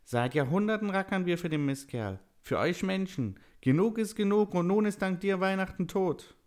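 Man voicing a scheming male elf, high voice, sneering, gloating. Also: lively intonation, normal speed, a little mellow.

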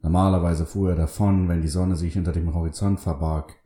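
Deep, very dark-voiced male storyteller. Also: fairly even intonation, fairly quick, roomy sound. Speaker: host and reader. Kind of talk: reading a short story aloud.

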